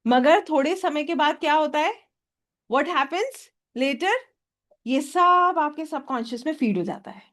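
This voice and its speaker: A woman's voice: sits high, expressive, measured pace, a bit bright. A woman teaching a hypnotherapy workshop, often checking with her audience for a yes or no. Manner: asks the audience for yes or no, mixing in English phrases. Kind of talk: workshop lecture.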